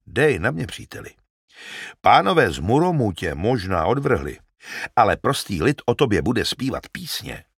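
A man voicing a talkative, excitable old male shepherd in an audiobook, loud and emphatic. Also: mid-range voice, vocal fry, husky, no room sound, clean studio sound, voice pushed up, heavily acted. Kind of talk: audiobook character reading.

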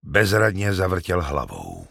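A man narrating an audiobook with measured, expressive storytelling, close to the mic. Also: low voice, gravelly, breathy edge, no room sound.

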